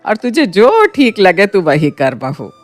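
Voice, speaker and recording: A woman voicing a kind-hearted middle-aged mother-in-law in a cartoon story, gentle and affectionate as she scolds. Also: mid-range voice, sing-song, unhurried, no room sound, faint music behind. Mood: coaxing. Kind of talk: cartoon voice acting.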